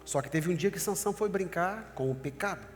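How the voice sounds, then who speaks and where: A male pastor delivers an emphatic sermon with a fairly high voice. He keeps warning his listeners and speaking straight to them. His voice hangs in a long reverb over soft background music. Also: brisk. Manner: emphatic, warning, addresses the congregation.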